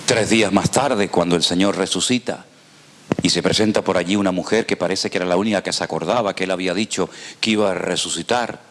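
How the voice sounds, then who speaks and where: A man with a Spain Spanish accent preaches in a lowish voice. He tells the story animatedly and throws rhetorical questions at the congregation. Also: fast, a little hiss or hum. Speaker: pastor. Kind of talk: sermon.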